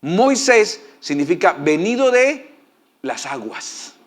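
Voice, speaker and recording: A man's voice: high voice, big pitch swings, takes it slowly. A male pastor preaching a sermon in a folksy, joking way and often asking the congregation for agreement.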